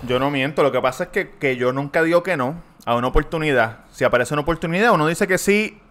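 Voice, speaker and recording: A man, co-hosting a casual podcast and telling crude, animated stories. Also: fairly high pitch, fast. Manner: animated, profane storytelling. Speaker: podcast co-host. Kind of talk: casual chat.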